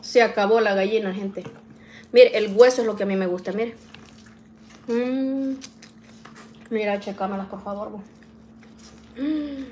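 A woman's voice: mid-range voice, unhurried, long pauses, darkish tone, slight background noise. A middle-aged woman, chatting casually with viewers while cooking in her home kitchen, often tagging her sentences with "¿verdad?". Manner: chatty, addresses viewers as "niñas", frequent "¿verdad?" tags. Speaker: vlogger.

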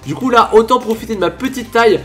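A high-voiced gaming YouTuber rattles off excited, playful Minecraft commentary at a fast clip. Stuffed up with a cold, he stays chatty and keeps bursting into laughing shouts.

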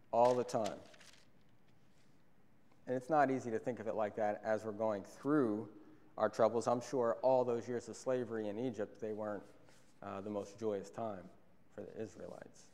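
A man's voice: on the low side, a little mellow. A young man preaching a sermon from a church pulpit into a stand microphone, earnest and repeating key phrases for emphasis. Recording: long church hall reverb.

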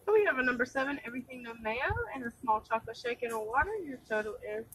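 A woman taking orders at a fast-food drive-thru, heard through the drive-thru speaker with quick scripted service talk. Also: a little high, fairly bright tone, husky, recorded from a distance, low-quality recording.

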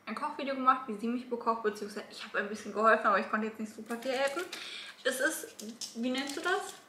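A woman's voice: on the high side, quick pace, pushed and bright, a little hiss or hum. A woman, hosting a casual YouTube chat at the table. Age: 20s. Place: small room at a dining table. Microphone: camera a few feet away. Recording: echoey room, camera at a distance.

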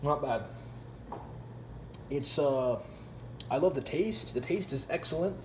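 A man's voice: mid-range voice, lively intonation, slow, darkish tone, roomy sound, slight background noise. Man talking with his mouth full. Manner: casual, blurts reactions while chewing hot food. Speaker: food reviewer. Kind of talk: casual food review vlog.

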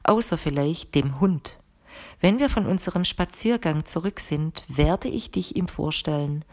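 Woman reading Clara, a calm and mysterious host. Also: low-pitched, measured pace. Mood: firm. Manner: calm, firm and matter-of-fact. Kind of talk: audiobook character reading.

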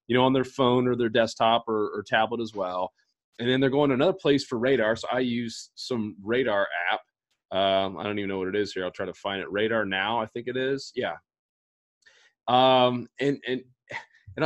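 Hoarse from allergies, a thirty-something host talks rapidly and with plenty of energy during a livestream pitch from his home office, gesturing frequently. The audio comes through a headset and studio mic.

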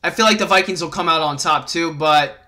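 A man's voice: a little high, a little fast, pushed and bright. Fired-up young man ranting about sports. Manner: fired-up, swearing, rambling. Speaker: podcast host. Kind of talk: casual sports rant.

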